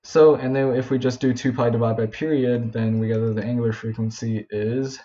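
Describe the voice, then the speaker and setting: A young man explains a physics problem at a whiteboard in loose, casual speech, full of fillers and quick corrections. His voice is mellow and a little dark. The recording is dull and lo-fi, like a simple home setup. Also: medium pitch, flat delivery. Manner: informal, many fillers and self-corrections. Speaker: physics tutor.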